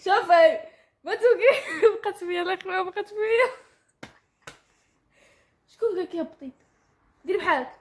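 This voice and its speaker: High-voiced teasing Moroccan woman. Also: fairly quick, pauses often, reverberant, a little hiss or hum. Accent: Moroccan Arabic. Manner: bossy, teasing, giggling. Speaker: vlogger. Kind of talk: casual vlog banter.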